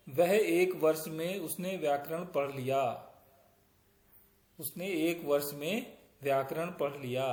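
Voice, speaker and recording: A man's voice: on the high side, echoey room. A man teaching Sanskrit grammar, patiently explaining step by step with example sentences. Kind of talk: grammar lesson, explaining in Hindi.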